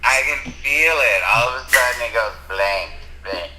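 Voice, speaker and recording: A man's voice: mid-range voice, a little slow, a crowd in the background, rough recording. A man heard over a phone on speakerphone, chatting casually and explaining at length as a friend calling in to a live show.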